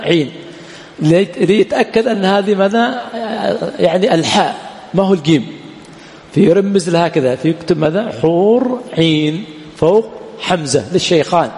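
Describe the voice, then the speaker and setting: A man teaching a classroom lecture on hadith sciences, repeatedly pausing to quiz his students on the next word. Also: sits high, gravelly, darkish tone, big-room sound. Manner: quizzes students with repeated "what?" prompts. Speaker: Islamic studies teacher. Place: lecture hall at a study center.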